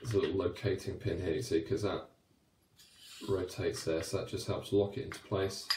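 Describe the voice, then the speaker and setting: A deep-voiced man in his thirties talks through a product review in a loose, chatty way, full of fillers and restarts. His voice rings with the echo of a small, hard-walled room. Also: steady tone, normal speed, noisy background. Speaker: cycling light reviewer. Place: small wooden shed, then a home room.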